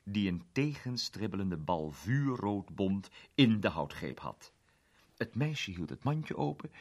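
A man narrating a short story in an expressive, animated reading. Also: lowish voice.

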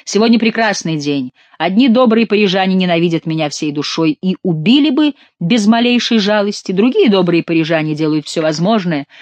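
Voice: medium pitch, no room sound, voice pushed up, lightly acted. Amorous young male king, tender and effusive, as an audiobook reader puts him on; dry, close sound. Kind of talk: audiobook character reading.

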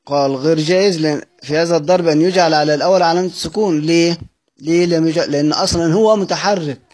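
Egyptian man teaching, fairly high voice. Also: racing, a little mellow. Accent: Egyptian Arabic. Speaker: teacher of Quran orthography. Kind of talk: recorded study-circle lesson.

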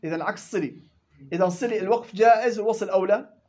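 A man teaching tajweed rules in a classroom lesson, explaining quickly and chanting verse examples in between. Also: sits high, darkish tone. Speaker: Quran recitation teacher.

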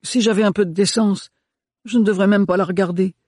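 A big, gruff male servant, rough in tone and ill at ease, as a male audiobook reader puts him on. The voice is husky, and the recording is dry and close. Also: high voice, steady tone, brisk, darkish tone, no echo, pitched above the performer's own voice. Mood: embarrassed. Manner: rough, embarrassed. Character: burly red-haired male servant, gruff and awkward.

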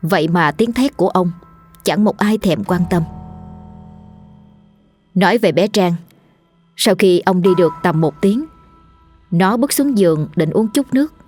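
A woman narrating a scripted horror story in a steady, measured way. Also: lowish voice. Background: faint music.

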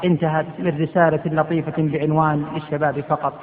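A man's voice: fairly high pitch, level tone, fast talker. A male preacher giving a sermon. He retells a story solemnly and repeats phrases for emphasis. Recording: tinny lo-fi sound with long hall reverb.

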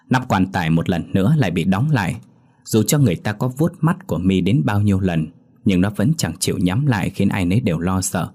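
A man narrating a scripted ghost story in a steady, measured way. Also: low-pitched, breathy edge.

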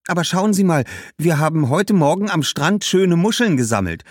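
A man's voice: a little high, animated, moderate pace, no room sound, pitched above the performer's own voice. A man voicing a friendly, eager young girl from a village, earnest and pleading. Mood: eager bargaining.

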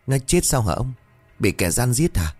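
A man's voice: medium pitch, very animated, normal speed, darkish tone, slightly rough, dry recording, faint music behind. A man voicing a worried older village wife who keeps asking questions.

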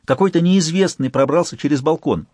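A man voicing an indignant, sharp-tongued young woman who hisses and whines in a storybook reading. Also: fairly high pitch, brisk, no echo, clean studio sound, voice pushed up, natural voice. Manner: hissing, whiny and snappish.

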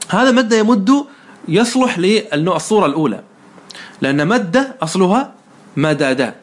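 A man's voice: high voice, animated, normal speed. A man teaching Arabic morphology one-on-one, patiently quizzing his student and praising the answers. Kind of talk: one-on-one lesson, question and answer.

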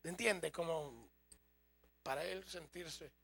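High-voiced gravelly male preacher. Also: slow, fairly bright tone. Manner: humorous, speaks directly to the congregation. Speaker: pastor. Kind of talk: sermon.

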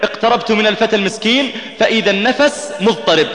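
A man delivers an impassioned sermon in a somewhat high voice, his storytelling climbing tense and urgent at the dramatic peaks. He breaks into melodic chanted recitation of scripture. The sound carries the long reverb of a large hall. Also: fast talker, fairly bright tone. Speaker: preacher.

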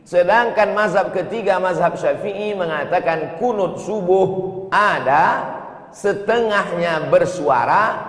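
A man preaching a dawn sermon in a mosque, lecturing through lists with a lively, teasing manner. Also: high-pitched, takes it slowly. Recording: echoey mosque hall.

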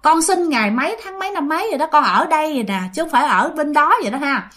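A woman's voice: sits high, expressive, fast, fairly bright tone, pitched above the performer's own voice. A woman voicing an old grandmother who earnestly explains herself to an underworld judge. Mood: pleading.

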